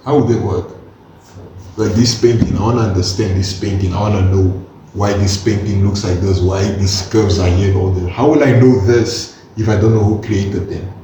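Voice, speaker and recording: Captured dully from a distance in an echoey room with slight background noise, a 21-year-old co-host speaks at a moderate pace in a lowish voice. He's earnest and animated in the casual chat, using slang as he explains his point.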